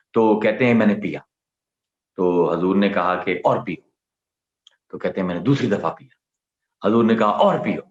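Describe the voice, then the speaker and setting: A man giving a religious lecture, telling a story with lively, acted-out quotes and big swings in pitch. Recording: roomy, slightly dull recording.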